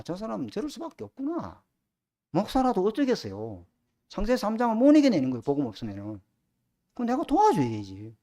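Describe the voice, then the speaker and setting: A man's voice: sits high, a little mellow. A middle-aged man preaching a sermon as pastor, often asking the congregation rhetorical questions.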